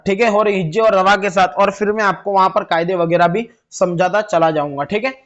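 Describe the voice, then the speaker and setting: A man's voice: sits high, steady tone, fairly quick, fairly bright tone, highs cut off. A man teaching Quran reading who drags out each syllable as he spells words. He asks questions and answers them himself. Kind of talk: step-by-step recitation lesson.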